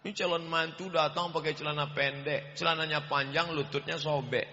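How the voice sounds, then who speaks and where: Booming preacher man, very bright and forceful. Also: fairly even intonation, brisk, big-room sound, highs cut off, slight background noise. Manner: loud, booming delivery. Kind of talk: lively sermon with jokes. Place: large mosque with overflow crowd outside. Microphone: PA microphone.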